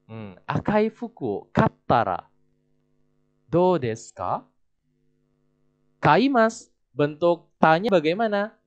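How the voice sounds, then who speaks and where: A man teaching a language class, explaining patterns and coaxing his students to repeat them. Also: mid-range voice. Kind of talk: classroom instruction. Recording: dull lo-fi recording.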